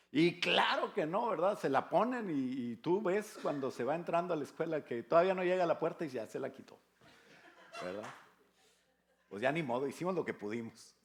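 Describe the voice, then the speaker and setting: A man's voice: on the high side, expressive, moderate pace, long pauses. An older man with a Mexican Spanish accent, a pastor preaching a sermon in a conversational way, with rhetorical questions and jokes. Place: church.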